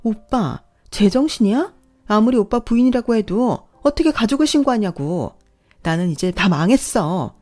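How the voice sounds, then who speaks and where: A woman voicing a furious, desperate younger woman who shrilly yells and demands in a storybook reading. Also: mid-range voice, expressive, normal speed, voice pushed up, close to an everyday voice. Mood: furious, shrill.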